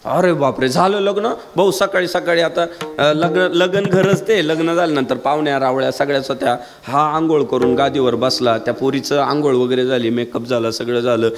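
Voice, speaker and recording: A man preaching a humorous kirtan sermon, telling a story and swinging his voice low and high to act out the people in it. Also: moderate pace, faint music behind. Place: live kirtan gathering.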